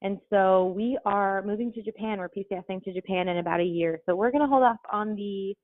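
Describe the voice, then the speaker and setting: A young woman guest on a podcast, friendly and quick to laugh, talking casually. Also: mid-range voice. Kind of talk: casual interview chat. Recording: tinny phone-like line.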